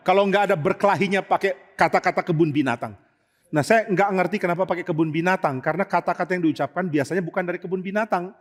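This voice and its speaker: Humorous preacher in an echoing church. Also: male voice, sits high. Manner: humorous, acts out dialogue with many voices. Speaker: pastor. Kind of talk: sermon with storytelling. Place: church hall. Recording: long church hall reverb.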